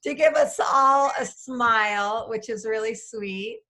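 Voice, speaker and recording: Upbeat woman activity leader on a video call; high, bright voice, encouraging. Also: slow pace. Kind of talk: casual video-call session.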